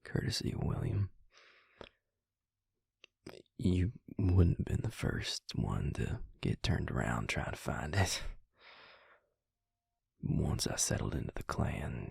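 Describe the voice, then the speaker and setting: With an extremely low, exaggerated voice, the man voices the gentle, protective vampire who mocks himself, breathy and gravelly, halting as he teases softly. The intimate roleplay is recorded in studio quality with no echo.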